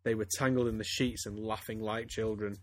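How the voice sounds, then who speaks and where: A man's voice: on the low side, flat delivery, fairly quick. A man reading fan fiction aloud to friends, stumbling and breaking into laughter as he goes. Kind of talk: casual comedic reading aloud.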